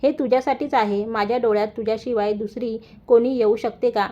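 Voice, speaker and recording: A woman's voice: a little high, fairly even intonation, a little fast, lightly acted. A woman voicing a cheerful, loving young husband who teases playfully, in a dull lo-fi recording. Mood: teasing. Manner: playful teasing.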